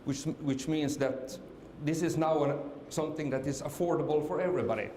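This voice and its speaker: Speaking a little fast in a highish, darkish voice, a middle-aged Finnish man presents at a conference, halting with many fillers and restarts. The hall echoes and carries faint noise.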